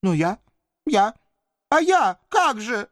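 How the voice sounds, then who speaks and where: A hysterical young woman , put on by a man reading aloud, squeals her lines in a high, shrill voice. Her pitch leaps and drops all over the place. The sound is dry and close. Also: sing-song, slow pace, fairly bright tone, dry recording, exaggerated voice. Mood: tearful. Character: hysterical young red-haired woman, tearful. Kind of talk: audiobook character voicing.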